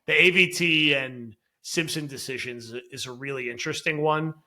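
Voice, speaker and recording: Guy cohosting a football podcast, really bright sharp voice, gets worked up. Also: on the high side, normal speed. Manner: animated, exasperated fan talk. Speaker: podcast co-host. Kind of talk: casual sports podcast chat.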